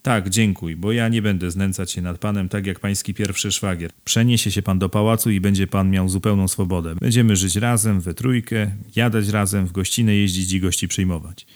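A man's voice: sits low, steady tone, fairly quick, few pauses, lightly acted. A man voicing a coarse, domineering upstart who talks bluntly and threatens in an audiobook. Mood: threatening. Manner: gruff, bullying, loud.

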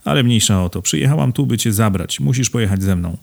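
A man's voice: lowish voice, expressive, fast, creaky, darkish tone. A man reading aloud and voicing a passionate young woman who begs her friend with rising emotion. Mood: persuasive. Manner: imploring, emotional.

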